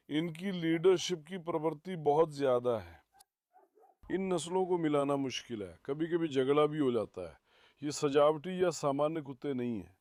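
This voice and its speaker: A man's voice: on the high side, a little mellow, dry recording. Affectionate man chatting to his farm dogs. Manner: affectionate, coos at his dogs and calls them his lions. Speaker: farm pet vlogger. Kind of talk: casual vlog talk to camera. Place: outdoors on a farm.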